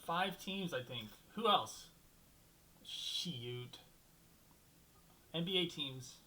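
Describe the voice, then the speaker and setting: A man's voice: fairly high pitch, animated, drawn-out words, bright, forceful tone, a little hiss or hum, low-quality recording. A young man hosting a solo basketball talk show, rambling and thinking aloud, restarting sentences and swearing casually.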